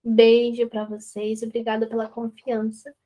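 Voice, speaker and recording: Woman, online course host; friendly and unhurried, slow pace, slightly high pitch, heard over a video call. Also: monotone, mellow. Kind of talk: closing a live online class.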